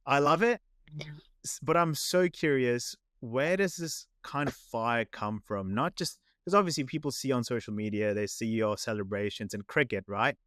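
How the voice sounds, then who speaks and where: A man's voice: medium pitch, a bit bright, no echo, studio quality. A man hosting a podcast interview in casual chat, rambling and correcting himself as he goes. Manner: rambling, self-correcting, pace swings between slow and quick. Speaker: podcast host.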